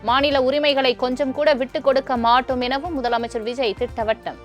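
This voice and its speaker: Woman anchor reading the headlines, bit high pitched, soft music under her. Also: steady tone, dull audio. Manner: measured, formal delivery. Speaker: news anchor.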